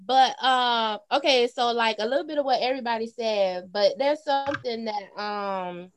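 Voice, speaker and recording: A woman speaking as a panelist in casual chat, in a measured, hesitant way. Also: a little high. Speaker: talk show panelist.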